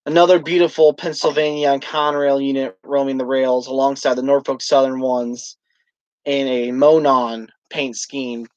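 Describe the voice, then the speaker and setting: A man's voice: mid-range voice, little pitch movement, moderate pace, darkish tone, no echo, muffled recording. Casting: man from northwestern Indiana, eager rambling train talk, dry close sound. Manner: enthusiastic, rambling railfan detail. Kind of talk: casual chat on a video call. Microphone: video call.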